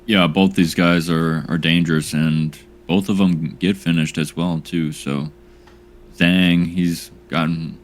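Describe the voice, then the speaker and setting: A man with an extremely deep voice co-hosting a casual fight-picks show. He talks haltingly and often repeats a word before going on. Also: little pitch movement. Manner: halting, repeats words as he thinks. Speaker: podcast co-host making fight picks. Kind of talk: casual chat.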